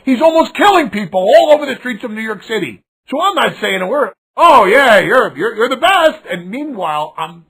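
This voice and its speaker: A man telling a lively anecdote aloud, rising to shouts at the high points. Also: slightly rough, poor audio. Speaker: storyteller.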